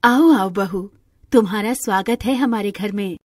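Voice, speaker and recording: A woman voicing a gentle, patient middle-aged mother-in-law. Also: medium pitch, a little slow, no echo, clean studio sound, voice pushed down, close to an everyday voice. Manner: kind and patient.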